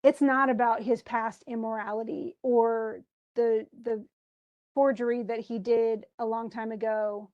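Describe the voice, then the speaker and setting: A woman teaching a play, retelling its scenes in a lively way and acting out the characters' quoted lines as she goes. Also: on the high side, measured pace, highs cut off. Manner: animated, acts out quoted lines. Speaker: literature teacher.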